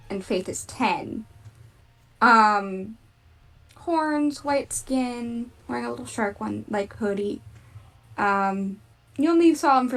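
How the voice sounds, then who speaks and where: A woman narrating a tabletop game as game master, describing scenes with halting fillers. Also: a little high. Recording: distant mic. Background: faint background music.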